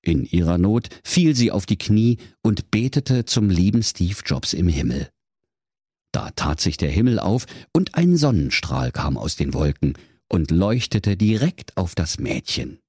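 A man narrates a comic fairy tale in a mock-solemn storybook tone. His voice is low and husky, with a very wide swing of pitch. The sound is close and dry. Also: big pitch swings, unhurried, darkish tone, dry recording.

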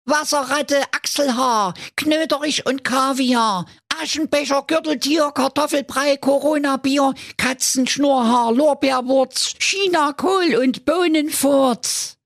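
A man doing a squeaky Saxon magic pig. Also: slow pace, vocal fry, hardly any pauses, fairly bright tone, heavily acted. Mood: chanting. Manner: chanting nonsense spells, huffy. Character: cheeky male magic pig, squeaky and grumpy.

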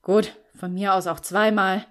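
A moody young man who grumbles and gives in reluctantly, read by a woman in an audiobook. His lines come short and curt, barely lower than the reader's own voice. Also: fairly even intonation, a little fast, close to an everyday voice. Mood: grumpy. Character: grumpy, easily irritated young male flatmate.

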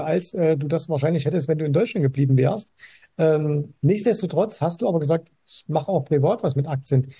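A man hosting a podcast interview in a casual, halting way, with many fillers and restarts. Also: on the high side, vocal fry, mellow, husky, dry recording, clean studio sound. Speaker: podcast host. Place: Dubai.

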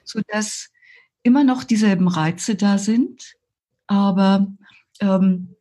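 An older woman, a yoga teacher as interview guest, explaining at a slow, measured pace with frequent hesitations. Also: mid-range voice, warm tone.

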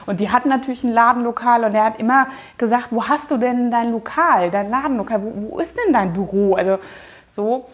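A woman in her 30s, a company founder and managing director, answers interview questions casually and informally in a slightly high, brisk voice. Looking back, she often hedges and thinks aloud.

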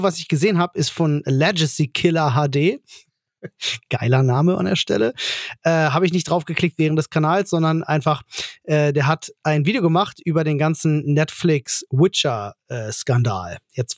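Man, fairly high voice, casual podcast chat, slangy and hesitant, dry studio-like sound. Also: dry recording. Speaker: podcast co-host.

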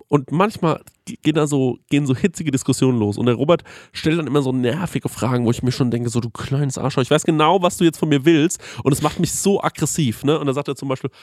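A man with a fairly high voice, telling a story in an animated rant and swearing freely. He sounds like he's hosting a relaxed chat. The recording is dry and close, with no room sound. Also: no room sound. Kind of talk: casual chat.

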